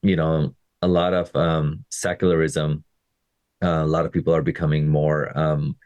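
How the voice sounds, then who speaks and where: A man's voice: extremely low pitch, level tone, normal speed, darkish tone, no echo, dull audio. A man in his thirties from Pakistan, a fitness coach and podcast host, talks to listeners in a casual, conversational way and often checks in with them. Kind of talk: casual motivational podcast monologue.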